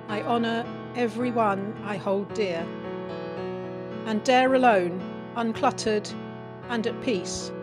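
A woman reciting a reflective poem softly and slowly. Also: on the high side. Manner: slow, soft, reflective recitation. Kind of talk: poetry reading over piano. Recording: voice over loud piano music.

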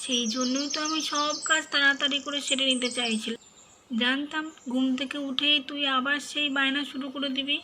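A woman playing a busy mother in a doll storybook who talks briskly and nags. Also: sits high, flat delivery, background noise, natural voice. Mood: scolding. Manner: brisk, nagging, half-muttering to herself.

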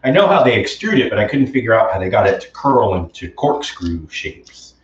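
A man's voice: fairly low pitch, big pitch swings, a little fast. A man hosting a casual live-stream cooking show from home, chatty and enthusiastic, reading viewer comments aloud. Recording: roomy, distant, dull live-stream audio.

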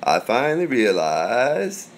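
A young man hosting a casual livestream, reading viewer comments aloud and answering in a profane, rambling way, swinging between loud and mumbled. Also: medium pitch, wildly swooping pitch, takes it slowly, a little hiss or hum. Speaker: livestream host.

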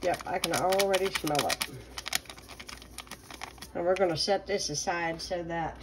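A middle-aged woman chatting casually through a home baking vlog, relaxed and talkative with plenty of ums. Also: fairly low pitch, measured pace, background noise. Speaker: home cooking vlogger. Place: home kitchen.

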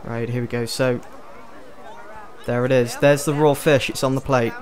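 Over game music and crowd noise, a man hosts a relaxed let's play in a medium-pitched, level voice at a moderate pace. He chats, cracks jokes and thinks out loud while gaming.

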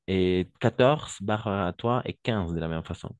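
A man teaching French to a class, patient, repeating each word slowly and often praising his students. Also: sits low, darkish tone, smooth, no echo. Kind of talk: online class instruction.

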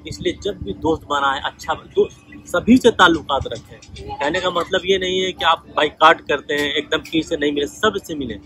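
A man's voice: fairly high pitch, moderate pace, a bit bright, breathy edge, no echo, rough recording. A man telling personal stories in a casual monologue, acting out the lines of people in them. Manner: conversational, retells dialogues in quoted voices. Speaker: vlogger sharing life lessons.

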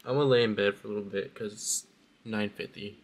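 A man's voice: on the low side, fairly even intonation, fast talker, slight background noise. A young man vlogging casually through his day, rambling in a laid-back way and often calling his viewers "bro", recorded on a phone. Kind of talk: casual daily vlog. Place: at home, then outdoors by a river.

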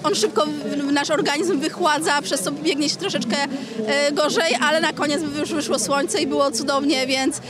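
A woman runner talks into a handheld microphone outdoors at a race finish. She is chatty and pauses now and then to find her words. Her voice sits high, and a loud crowd fills the background. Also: fairly even intonation. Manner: chatty, with small hesitations. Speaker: interviewed runner. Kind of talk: street interview. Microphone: handheld reporter microphone.

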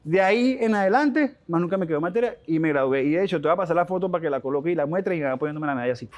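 A young adult man with a Venezuelan accent, a guest telling his life story in an interview, animated and full of restarts and slang. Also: fairly high pitch. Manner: animated, fast-talking, with frequent restarts and slang.

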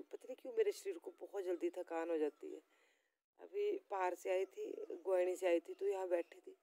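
A woman's voice: on the low side, mellow, dry recording. A young woman with a Himachali Pahari accent, chatting casually and rambling to her viewers in a homely vlog. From Himachal Pradesh, India. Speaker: vlogger.

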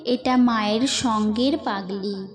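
A woman reading as a gentle, motherly elderly holy woman. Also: on the high side, takes it slowly, faint music behind. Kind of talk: reading quoted dialogue in a story.

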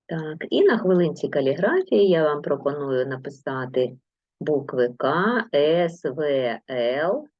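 A woman's voice: low voice, big pitch swings, a little slow, no room sound, muffled recording. A woman teacher giving a video lesson to young pupils, patient and encouraging as she gives instructions. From Ukraine. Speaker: primary school teacher.

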